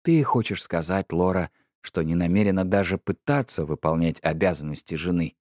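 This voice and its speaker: A man reading an audiobook, voicing a stiff, pedantic middle-aged husband who talks in a slow, measured, reproachful way. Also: sits low, darkish tone, dry recording, clean studio sound, voice pushed down, close to an everyday voice. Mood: cold, measured.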